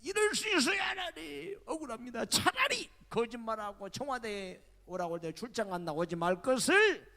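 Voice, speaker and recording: A man's voice: extremely high pitch, lively intonation, normal speed, creaky, hardly any pauses, pitched above the performer's own voice, full character voice. An older man voicing a wronged army general who sobs and pleads aloud to God. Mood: anguished wailing. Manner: sobbing, pleading, shouting. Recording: echoey church hall.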